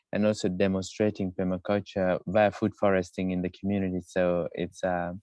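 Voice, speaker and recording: A man from Uganda, speaking in a measured way with many pauses on a video call. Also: fairly low pitch, dark tone, clear, resonant tone, no room sound. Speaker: permaculture project leader. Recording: dull, muffled video call audio.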